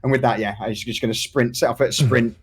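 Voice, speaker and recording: A man's voice: medium pitch, fairly even intonation, fast, breathy edge. A man playing a tabletop game, eagerly describing his character charging in, laughing as he goes. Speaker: player.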